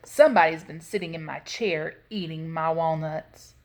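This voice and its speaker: A woman's voice: low-pitched, normal speed, a little mellow, pitched below the performer's own voice. A woman voicing a big, angry papa bear, growling indignantly in a storybook.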